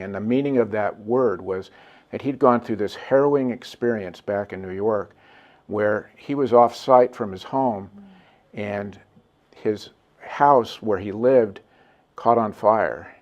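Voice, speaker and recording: A man's voice: fairly low pitch, darkish tone, highs cut off. A man, a guest, telling an earnest and reflective story in casual talk.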